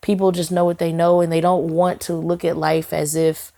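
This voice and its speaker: A woman's voice: on the low side, level tone, moderate pace, creaky, dark tone. A woman singer and songwriter, a guest in a casual podcast interview, talking earnestly and heartfelt with many "you know" fillers and restarts.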